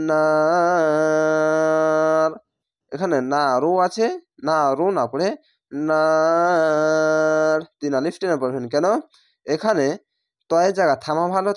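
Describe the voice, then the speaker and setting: Bengali guy teaching quran reading, slightly high voice, stretches each word out, dry close mic. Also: no room sound. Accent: Bangladeshi Bengali. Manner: slow drawn-out recitation of words between explanations. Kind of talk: spelled-out Quran reading lesson.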